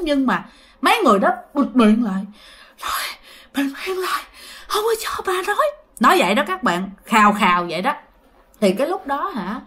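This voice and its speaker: Animated woman storyteller. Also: high voice. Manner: animated, expressive retelling. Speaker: storyteller, channel host. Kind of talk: ghost story narration.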